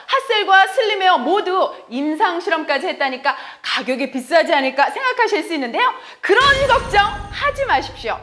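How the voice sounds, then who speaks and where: A woman's voice: extremely high pitch, a bit bright. A woman presenting a home shopping product in an emphatic, persuasive hard-sell ad style, often posing rhetorical questions.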